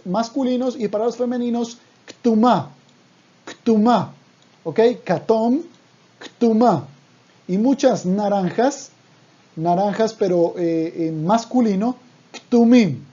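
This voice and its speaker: A man's voice: high voice, mellow, husky. A man teaching a language lesson, patiently repeating words for the learner to drill. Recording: dull lo-fi audio.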